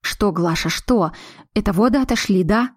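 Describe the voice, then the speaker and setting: A woman's voice: medium pitch, normal speed, husky, no echo, clean studio sound, lightly acted. A woman voicing an anxious, blunt young man whose fiancée is about to give birth. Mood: fretful. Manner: fretful, blunt and insistent.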